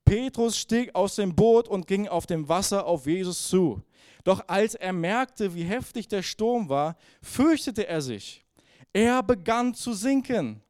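A male pastor preaches in a loose, conversational way, reflecting on his own habits and checking in with the congregation as he goes. His voice is fairly high for a man. The recording is close and dry, with almost no room sound. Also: lively intonation, unhurried, darkish tone, clear, resonant tone, no room sound. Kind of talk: sermon.

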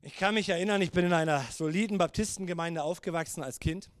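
High-voiced storytelling preacher man. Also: fast, clean tone, no room sound. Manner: lively, conversational storytelling. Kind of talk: sermon.

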